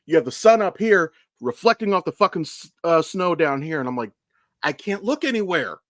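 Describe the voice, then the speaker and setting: Very animated and brisk, a man's fairly high, slightly bright voice drives a casual, rambling podcast conversation. The co-host sounds like an American in his thirties, profane and informal, often stopping to correct himself. It's a dry, clean studio recording.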